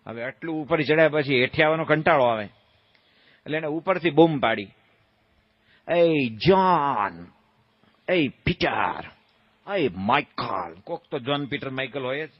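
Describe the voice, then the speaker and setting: A man's voice: fairly high pitch, brisk, long pauses, no echo, highs cut off. A man, a swami giving a religious discourse, telling stories in a playful, folksy way and asking his listeners questions. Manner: folksy, playful, asks the crowd questions and acts out voices. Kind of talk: storytelling sermon.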